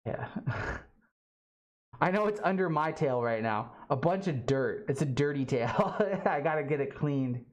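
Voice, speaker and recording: Broadcasting from a home studio, this Alabama streamer hosts a casual livestream in an animated, medium-pitched voice. The talk rambles and stalls, full of fillers and false starts.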